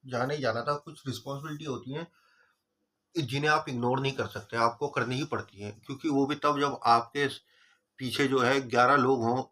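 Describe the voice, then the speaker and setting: A man's voice: mid-range voice, fairly even intonation, a little fast, bright, forceful tone. A man, the vlogger's husband, earnestly explaining himself in casual talk.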